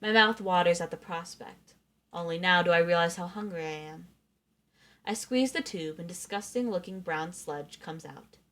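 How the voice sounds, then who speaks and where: A woman reads a novel aloud in the first person, playing up the narrator's thoughts as she goes. Her voice sits a little low. She talks like a streamer sharing a story. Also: moderate pace. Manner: expressive reading, acting out the narrator's thoughts.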